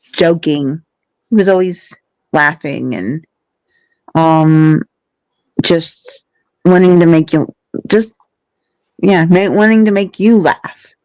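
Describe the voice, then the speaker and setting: A woman's voice: fairly low pitch, darkish tone, clean tone, no room sound, poor audio. A woman guest chatting casually, hesitant and often searching for her words. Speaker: guest who gives readings. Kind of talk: casual chat.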